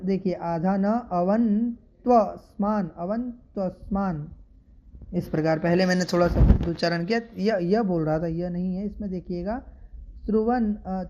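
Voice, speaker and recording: Male sanskrit teacher, very slow deliberate chanting, syllable by syllable. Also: high voice, darkish tone. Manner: slow deliberate chanting of each syllable, then quicker explanation. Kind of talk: mantra pronunciation lesson.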